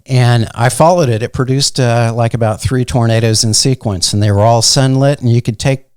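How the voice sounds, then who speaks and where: Telling stories as an interview guest, this soft-spoken Midwestern meteorologist takes his time and uses many fillers. He has a medium-pitched, clean-toned voice, captured in a clean studio with no room sound.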